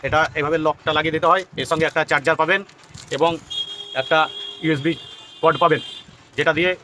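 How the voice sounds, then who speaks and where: A shopkeeper demonstrates products on his own channel, explaining informally and often repeating himself. His voice is a little high with a sharp tone, and the low-quality recording has slight background noise.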